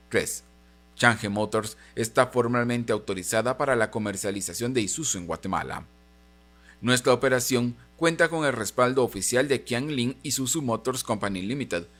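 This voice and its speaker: Formal male corporate spokesman, mid-pitched. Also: fairly bright tone. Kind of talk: formal scripted statement read aloud.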